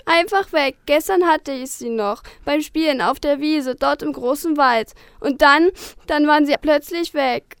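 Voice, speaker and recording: A woman's voice: normal speed, smooth, no room sound, clean studio sound, close to an everyday voice. Woman voicing a tiny, indignant fairy girl, Belladonna Wiesenblume. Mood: tearful. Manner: high, indignant and chattering. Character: tiny touchy girl fairy, bossy and quick to sulk.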